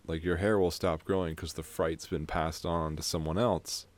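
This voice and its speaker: Low-pitched and steady, this young man speaks at a moderate pace while co-hosting a podcast. He casually walks through a film's plot, rambling, swearing, and laughing frequently in the relaxed movie chat.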